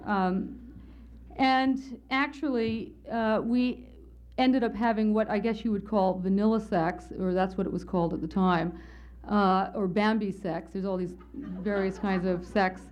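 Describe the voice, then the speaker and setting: A woman's voice: medium pitch, fairly even intonation, measured pace, a little mellow. A woman speaker at a conference telling a candid, wry personal story as part of her lecture. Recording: slightly muffled lo-fi lecture recording.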